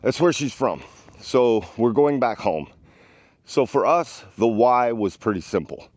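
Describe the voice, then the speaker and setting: A man's voice: mid-range voice, expressive, measured pace, darkish tone, no echo, studio quality. A middle-aged man from the United States giving direct, earnest advice in a casual vlog, a little out of breath while carrying a tripod. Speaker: vlogger.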